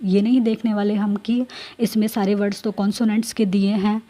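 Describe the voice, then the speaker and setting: Woman teacher, mellow tone, patient and repetitive classroom delivery. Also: medium pitch, flat delivery, fairly quick. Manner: repeats points, checks in with students. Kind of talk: classroom grammar lesson.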